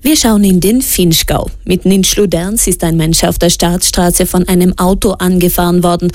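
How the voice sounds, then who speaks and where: A woman reading the radio news in a steady, measured way. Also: on the low side, no echo. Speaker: news presenter. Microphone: studio microphone.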